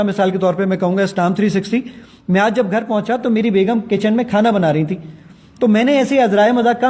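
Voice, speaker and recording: A man's voice: high voice, a little mellow. A man, the guest who made the app, earnestly explaining and demonstrating it. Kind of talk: interview answers.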